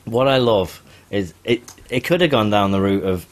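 A man's voice: fairly low pitch, moderate pace. A young man hosting a casual podcast, talkative and teasing, often stammering as he restarts a sentence. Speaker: podcast host. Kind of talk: casual chat.

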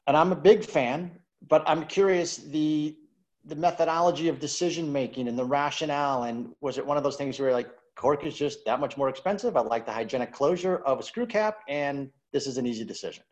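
A man's voice: a little high, brisk, a little mellow, rough recording. A man hosting a virtual wine tasting over a video call, chatting in a rambling way and repeating words as he looks for what to say. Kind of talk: interview chat.

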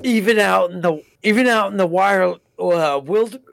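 A man's voice: sits high, normal speed, gravelly, crowd noise. A man co-hosting a casual chat about a TV episode, rambling, restarting his sentences and swearing now and then. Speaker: podcast co-host.

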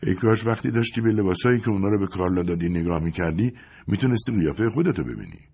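A man's voice: on the low side, a little mellow, husky. A man voicing a smug, mocking male neighbor who taunts with a sneer in a story reading. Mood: taunting. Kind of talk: audiobook character voice.

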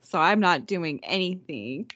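A woman's voice: fairly low pitch, animated, unhurried, fairly bright tone, no room sound, dull audio. A woman co-hosting a podcast in casual chat, playful and giggly as she tells stories. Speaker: podcast co-host.

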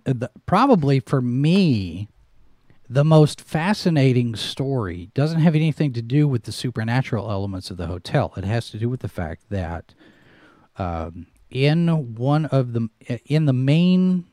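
A middle-aged man chats his way through a livestream with a mellow, warm tone. He rambles and restarts often, recorded dry and close on a headset mic. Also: mid-range voice, no room sound. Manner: rambling, with frequent restarts and fillers. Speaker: livestream host. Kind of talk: casual livestream chat. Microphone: headset microphone with headphones.

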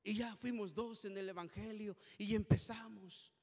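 A man's voice: sits high, fairly even intonation, normal speed, darkish tone. A man giving an earnest, emotional testimony as a preacher, rising into fervent prayer. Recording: long hall reverb.

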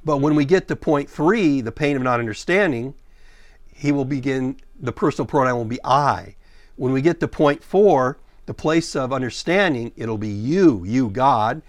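A middle-aged man preaching a sermon, explaining scripture verse by verse and reading the quoted passages slowly and deliberately. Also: medium pitch, expressive, no echo. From born in Sudan, raised in Ethiopia and America. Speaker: pastor.

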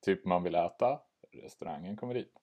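Deep-voiced man podcast co-host. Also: a little mellow. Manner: laughing, self-mocking, swears casually. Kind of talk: casual chat.

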